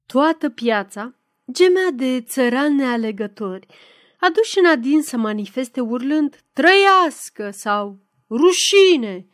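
A woman's voice: a little high, no echo, studio quality. A woman reading a novel aloud as an audiobook narrator, in a dramatic reading style. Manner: dramatic reading, loud in quoted shouts.

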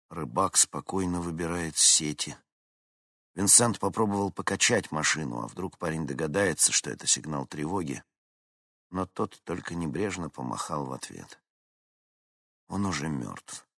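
A man narrating an audiobook in an expressive storytelling manner. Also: low-pitched, gravelly, dry recording, studio quality. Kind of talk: scripted narration.

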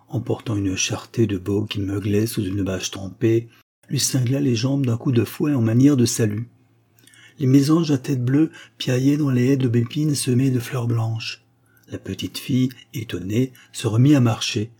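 A male audiobook narrator reading an old fairy tale at an even, measured pace. His voice is mellow and warm, with a soft husky grain, and stays calm and unhurried. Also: mid-range voice.

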